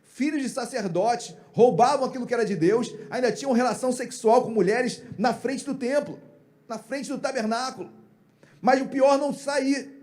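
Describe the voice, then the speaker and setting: A Brazilian Portuguese-accented pastor preaches with emphasis, turning often to speak straight to his listeners. His voice is pitched high for a man. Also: moderate pace, echoey room. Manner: emphatic, addresses congregation warmly as "queridos". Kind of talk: sermon.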